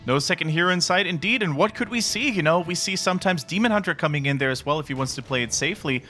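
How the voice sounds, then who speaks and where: Bright, excited Dutch game caster. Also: male voice, quick pace, soft background music. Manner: excited play-by-play, rising pitch at big moments. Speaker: esports caster. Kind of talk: live game commentary.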